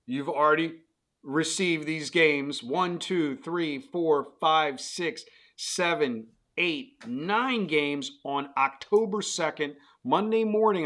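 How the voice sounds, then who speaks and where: A man's voice: on the high side, pushed and bright. A middle-aged man hosting a casual betting chat, rambling and restarting his questions as he talks. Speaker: host. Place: Las Vegas.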